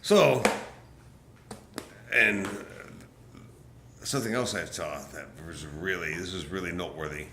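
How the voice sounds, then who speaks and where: A man's voice: deep voice, measured pace, long pauses, bright, forceful tone, roomy sound, slight background noise. A man ranting to camera in an angry, profane, rambling way, stumbling and restarting. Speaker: political vlogger. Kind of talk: casual rant to camera.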